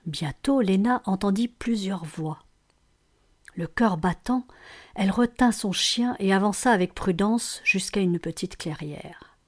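A woman reading a fairy tale aloud as storyteller, calm and expressive. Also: mid-range voice, a little slow.

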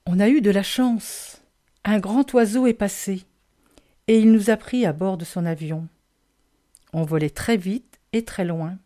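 A woman reading a children's picture book aloud, gentle and expressive, with a lively storytelling emphasis. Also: medium pitch, measured pace.

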